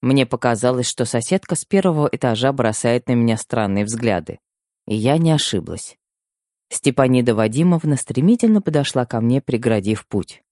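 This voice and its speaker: A man reading a first-person story aloud as an audiobook narrator, with expressive storytelling. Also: medium pitch, normal speed, no room sound, clean studio sound. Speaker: audiobook reader.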